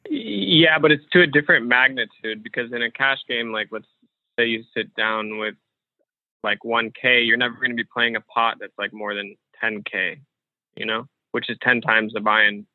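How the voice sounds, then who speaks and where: Speaking in a mid-range voice with fairly even intonation, a man who plays poker professionally chats loosely as an interview guest, often stopping and restarting his sentences and using frequent fillers as he thinks aloud. The remote-call sound is dry, thin, close, and phone-like, with no room echo.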